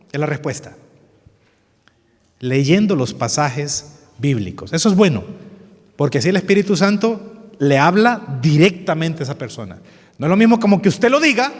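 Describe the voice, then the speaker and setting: A man with a Salvadoran Spanish accent leads a Bible study seminar, his voice sitting a little high for a man. He speaks earnestly, repeats his key phrases and keeps putting questions to the class. The sound carries a long reverb from a large hall. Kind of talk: seminar teaching.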